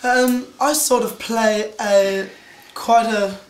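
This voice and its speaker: A woman's voice: a little high, fairly even intonation, slow pace. A woman describing a character in a hesitant way, full of fillers. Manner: hesitant, lots of you knows. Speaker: cast member. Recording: echoey room, distant mic.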